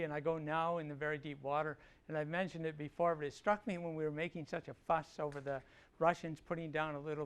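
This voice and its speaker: A man's voice: on the high side, smooth. An older man from Canada giving a public lecture, telling wry field anecdotes with frequent self-corrections.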